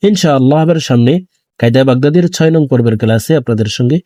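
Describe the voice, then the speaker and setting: A man teaching Quran reading, slowly chanting Arabic letter drills and adding quick explanations between them. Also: medium pitch, mellow, dry recording, studio quality. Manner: slow deliberate letter drills, quick asides. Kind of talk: recitation drill lesson.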